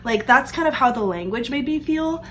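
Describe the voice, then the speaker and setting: High-pitched and animated at a normal speed, a young book vlogger with an allergy-stuffed voice chats casually about books she's read, peppering it with "like" and "um" in an upbeat way. Slight background noise, plus faint birds and planes, drifts in through an open sliding door.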